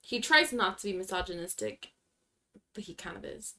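Woman, mid pitch, casual podcast chat, blunt, swears a lot. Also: normal speed, gravelly, sharp tone. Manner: reads listener stories aloud. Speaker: podcast co-host.

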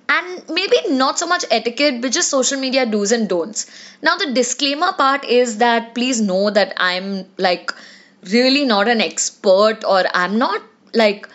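Raspy-voiced young woman podcast host. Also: a little high, fairly bright tone. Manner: chatty, confiding, many fillers. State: raspy voice from a cold. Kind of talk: solo podcast monologue. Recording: dull lo-fi sound.

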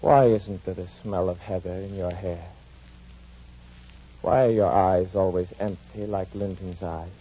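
A man's voice: low-pitched, steady tone, measured pace, dark tone, slightly rough. An actor playing a cruel, tormented, brooding man, sardonic in 1940s radio acting, on a dull old radio broadcast. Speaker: Heathcliff.

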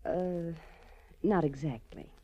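In this muffled 1940s radio broadcast recording, an actress speaks slowly in a low voice as a cool, self-assured female crime boss. She comes across as poised, haughty, and coolly seductive, with an imperious, confident mood.

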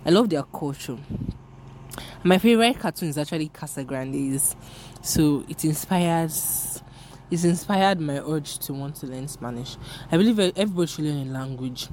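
Speaking at a moderate pace in a low, slightly mellow voice, this young adult woman from Nigeria sounds animated as she hosts her casual solo podcast. Yoruba is her first language and her English carries a Nigerian accent; her chat is candid, rambling and self-deprecating, with a little background noise behind it.

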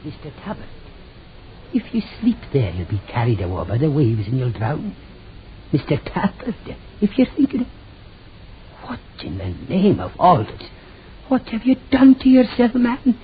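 A male actor playing an excitable, kindly shore man with a broad Scottish accent and exclamatory dialect speech. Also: a little high, normal speed, phone-quality sound, a little hiss or hum. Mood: alarmed.

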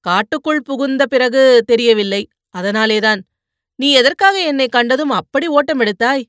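A woman's voice: high-pitched, normal speed, fairly bright tone, no echo, studio quality. A woman voicing a vain, teasing young warrior. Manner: playful, joking banter.

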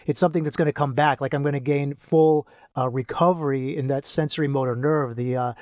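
A man hosting a casual solo podcast, rambling and repeating himself, his speech slightly slurred and soft on lip consonants as if numb from the dentist, with one side of his mouth paralyzed. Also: mid-range voice, steady tone, fairly quick, no room sound, clean studio sound. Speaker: podcast host and men's coach.

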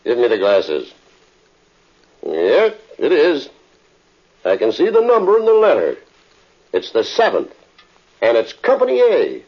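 An actor playing an eager, insistent army general in a 1940s radio drama, with a husky voice. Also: male voice, mid-range voice, wildly swooping pitch, a little slow, pauses often, full character voice. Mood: curious, insistent. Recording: muffled vintage radio broadcast.

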